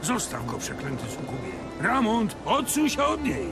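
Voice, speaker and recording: High, creaky, zealous hero. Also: male voice, big pitch swings, moderate pace, over music. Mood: threatening, urgent. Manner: theatrical, indignant, declamatory. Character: self-righteous, zealous male monster-hating would-be hero. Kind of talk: video game voice acting.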